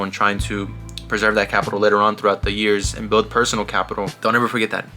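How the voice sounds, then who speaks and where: A young man with a lowish, sharp-toned voice talks casually through his trading progress in a day trading vlog. He's laid-back and repetitive, often dropping "bro" and "you know."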